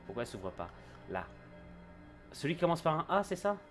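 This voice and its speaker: A man's voice: fairly high pitch, sing-song, fairly quick, fairly bright tone. A man running a tabletop role-playing game as game master, improvising the narration and feeling for his words. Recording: music behind the voice.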